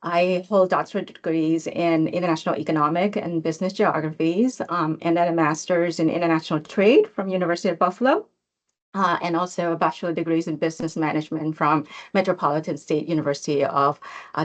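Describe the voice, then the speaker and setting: A woman's voice: on the low side, brisk, muffled recording. A woman from Cambodia, a professor hosting an online information session and speaking hesitantly with many fillers and restarts over a video call.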